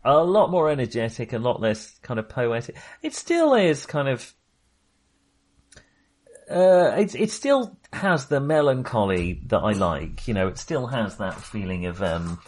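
Very animated yet a little slow, this British man has a mid-range, slightly mellow voice. As co-host of a casual film podcast, he rambles with hesitation and keeps interrupting himself.

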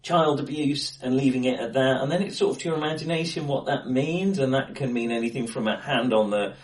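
A podcast co-host talks about films casually in a brisk, mid-range male voice, frequently hesitating and correcting himself as he thinks aloud. He is indoors, face to face with others in a reverberant room, and the recording sounds echoey and acoustically bright.

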